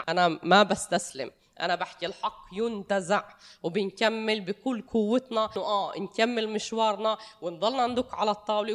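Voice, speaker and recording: A woman with a Palestinian Arabic accent speaking spontaneously as an interview guest, earnest and emphatic. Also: mid-range voice. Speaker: interview guest, advocate for affected families.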